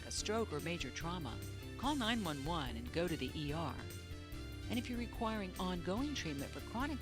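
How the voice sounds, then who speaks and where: Low-pitched woman reading an infomercial over music. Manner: polished, measured sales pitch. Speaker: commercial voice-over announcer. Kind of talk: scripted promotional infomercial narration. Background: music bed.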